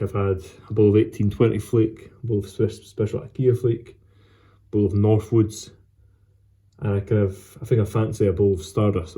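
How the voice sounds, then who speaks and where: A man chatting casually as a solo vlog host, with an unhurried, rambling and halting delivery. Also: lowish voice, mellow. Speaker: host of a pipe tobacco vlog. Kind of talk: casual solo chat to camera.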